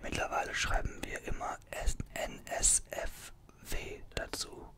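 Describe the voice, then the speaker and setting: At a measured pace, this ASMR creator in his 20s reads an article aloud in a hushed, breathy whisper, tossing in informal remarks. He's recording in a small bedroom, sitting close to a desktop condenser microphone.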